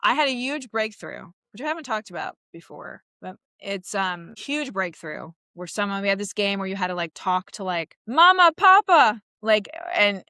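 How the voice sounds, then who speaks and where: A woman comedian from Queens, chatting as a podcast guest in a lively way, often laughing and acting out voices. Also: mid-range voice, normal speed, hardly any pauses, no room sound. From Queens, New York. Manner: animated, laughing, acts out quoted voices. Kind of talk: casual interview chat.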